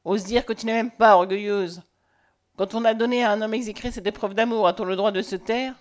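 A woman's voice: mid-range voice, fairly even intonation, brisk, lightly acted. A woman playing a passionate, domineering man in a storybook reading, close to the reader's own voice. He speaks with urgent, commanding ardour, pressing every question. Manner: impassioned, commanding. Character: ardent, domineering man declaring his love.

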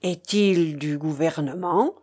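A woman's voice: sits low, slow, mellow, slightly rough, full character voice. A woman voicing a rustic middle-aged village mayor, hearty, rambling and tipsy. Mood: jovial.

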